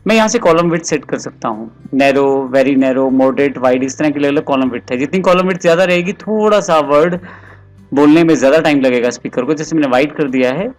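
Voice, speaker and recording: A man narrates a screen-recorded software tutorial, explaining each step directly to the viewer. His voice sits a little high for a man. Faint music plays behind the desktop-mic voice-over. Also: fast talker.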